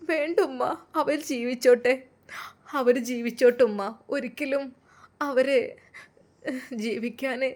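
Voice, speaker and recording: Woman voicing a frightened young woman, soft, hesitant, pleading, high pitch.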